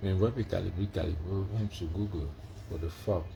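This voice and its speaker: A man with an African French accent, vlogging casually as he mocks a voice assistant in loud, profane bursts. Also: deep voice, steady tone, a little fast, creaky, a little hiss or hum. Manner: loud, profane and mocking, switching between English and French. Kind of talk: casual vlog, heckling a voice assistant.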